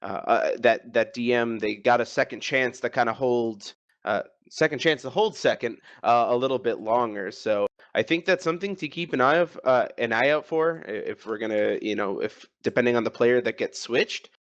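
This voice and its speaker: A male analyst breaks down strategy on a live esports stream, pausing and restarting as he goes. His mid-pitched voice comes through a dull, muffled, lo-fi mic. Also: a bit bright. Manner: hesitant, lots of fillers and restarts.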